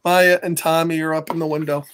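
Slight background noise accompanies a middle-aged American man reading a picture book for children's story time in a small home office. His voice is a little high and a little fast, full of animated, exaggerated energy and chatty asides.

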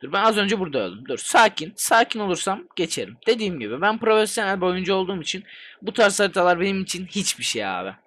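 A man with a high, lively voice commentates a game he's playing. He is excitable and chatty, swears constantly and swings his voice up and down as he reacts. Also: fast talker. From Turkey. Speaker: gaming channel host. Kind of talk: let's play commentary.

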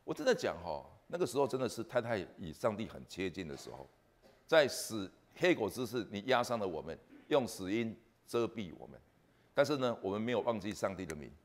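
A soft-spoken man with a Taiwanese Mandarin accent preaching a Christmas sermon at a church service, halting and repeating words with frequent "ah" fillers. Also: fairly low pitch, sing-song.

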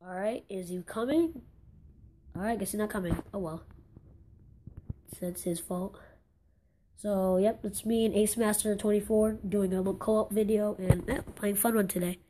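Young woman gamer, exasperated live commentary, mid-pitched, light hiss and clicks behind. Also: moderate pace, pauses often, mellow. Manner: frustrated, exclaiming, rambling with many restarts. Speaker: gaming channel host. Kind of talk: casual gameplay commentary.

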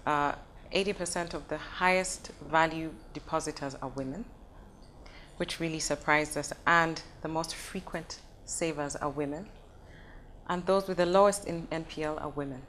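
Female bank executive, concise and brisk, slightly low voice. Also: steady tone, fairly bright tone, a little hiss or hum. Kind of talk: panel discussion. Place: indoor conference stage.

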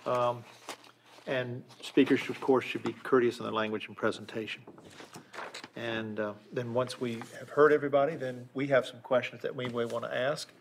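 A man's voice: mid-range voice, steady tone, normal speed, vocal fry. An older man chairs a board meeting from a council dais, speaking at a desk microphone. His tone is courteous and procedural, and his sentences are broken up by fillers and restarts. A faint hiss sits under the recording.

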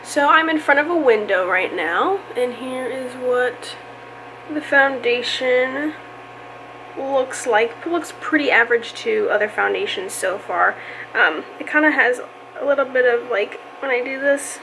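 A woman's voice: high voice, a little slow, sharp tone, slight background noise. Chatty woman beauty vlogger. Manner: chatty, with frequent likes and ums. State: morning voice, coughing. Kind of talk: casual makeup review vlog. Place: at home, later by a window.

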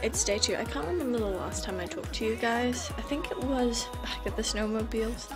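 A young woman chats casually to her vlog audience, sprinkling "like" through her sentences. Her voice sits a little high and often drops into a gravelly fry. Background music plays under her talk. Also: fairly quick. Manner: chatty, peppered with "like". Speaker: vlogger.

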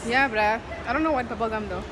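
A woman's voice: on the high side, quick pace, crowd noise. A woman, chatting casually as a guest on a vlog. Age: 20s. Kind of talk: casual chat. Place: indoor shopping mall, later a room at home. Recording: noisy handheld phone vlog.

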